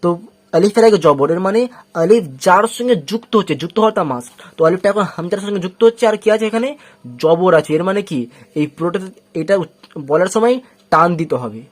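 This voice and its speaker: A man teaching Quran reading, going over each rule slowly and repeating it many times, asking questions and answering them himself. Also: high-pitched, lively intonation. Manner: patient, repeats rules slowly and often, asks and answers its own questions. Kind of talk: step-by-step spoken lesson.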